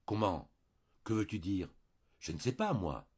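A man's voice: fairly low pitch, lively intonation, a little slow, darkish tone, slightly rough. A man voicing a young wife, earnest and stubborn, pleading and insistent, on a dull lo-fi recording.

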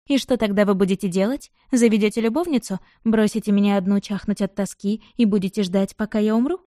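Woman doing a cheeky young bride, teasing and theatrical, warm soft tone. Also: medium pitch, fast talker, dry recording, clean studio sound, natural voice. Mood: mock dramatic. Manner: lively, teasing, mock-dramatic delivery. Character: young sharp-tongued noble bride, mischievous. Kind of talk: audiobook narration.

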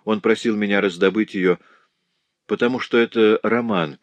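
A man's voice: on the low side, fairly even intonation, normal speed, dry recording, highs cut off, voice pushed up, lightly acted. A man voicing a cheerful, tender-hearted young working woman in an audiobook, chattering eagerly and emotionally. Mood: heartfelt. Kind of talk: audiobook character voice.

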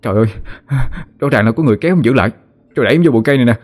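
A man's voice: mid-range voice, lively intonation, very fast, darkish tone, faint music behind, natural voice. A man voicing a panicky young male student who stammers and yelps in fear. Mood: terrified. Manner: stammering, yelping.

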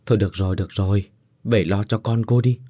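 A man voicing a kindly older mother who speaks gently but firmly. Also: lowish voice, steady tone, fast talker, no echo, studio quality, close to an everyday voice. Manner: soothing, motherly, firm.

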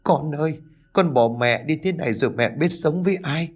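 A man's voice: medium pitch, lively intonation, a little fast, breathy edge, pitched above the performer's own voice. A man voicing a grieving elderly village mother, wailing and sobbing in a raised voice.

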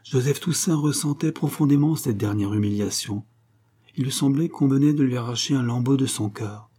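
A man reading a classic novel aloud in measured, even narration. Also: medium pitch, slightly rough. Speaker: audiobook reader.

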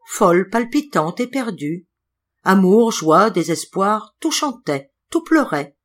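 A woman narrating an old tale aloud with expressive, dramatic phrasing. Her reading swells and softens with the story's descriptions. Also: medium pitch. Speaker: audiobook reader. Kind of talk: scripted narration of a classic tale.

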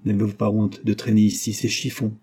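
A grave, stern husband gives curt commands in a dark, husky voice, played by a man reading the novel. His manner is cold and firm. He belongs to a storybook. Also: fairly low pitch, monotone, fairly quick. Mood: commanding.

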